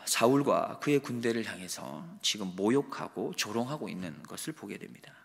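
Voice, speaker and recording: Korean pastor preaching in a reverberant hall. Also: male voice, on the low side, moderate pace, vocal fry. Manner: steady explanatory preaching with rhetorical questions. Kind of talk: morning devotional sermon. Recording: long reverb of a large hall.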